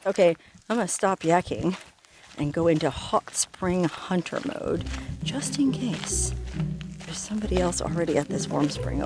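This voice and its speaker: A woman travel vlogger talking outdoors in a desert canyon, in a casual, playful and jokey way. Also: on the low side. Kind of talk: casual vlog narration.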